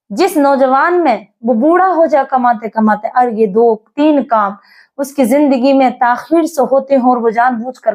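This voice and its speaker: A woman's voice: high voice, darkish tone. A woman preacher giving an earnest religious sermon, telling a story and addressing listeners as dear brothers.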